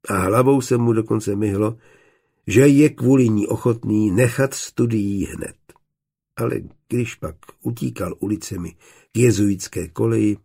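A man narrating an audiobook in a steady, measured way. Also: on the low side, creaky, breathy edge.

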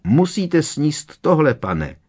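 A man voicing an eager male house-elf servant who shrieks in a squeaky voice and talks about himself in the third person. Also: big pitch swings, a little mellow. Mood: earnest.

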